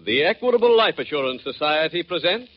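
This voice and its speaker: A man's voice: fairly high pitch, very animated, fairly quick, lo-fi sound. A man giving formal, emphatic sponsor announcements in 1950s radio style, heard from an old broadcast disc transcription.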